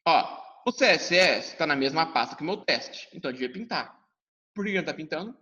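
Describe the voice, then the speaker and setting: Brazilian man, high lively voice, teaching a class, dull echoing sound. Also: brisk. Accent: Brazilian Portuguese. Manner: talks to students, voices their questions. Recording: dull sound with long reverb.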